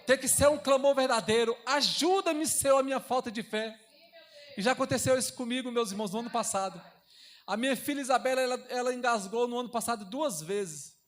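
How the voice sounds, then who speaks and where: A young man preaching a sermon as a deacon in a church, fervent and repetitive, swinging between loud passages and hushed ones. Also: very high-pitched, fast.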